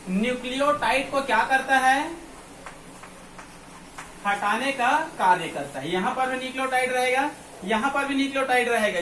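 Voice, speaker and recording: Pushed and bright, his extremely high voice drives a board-side biology lecture full of repetition and self-answered questions. The far-off mic picks up room echo and a faint hum.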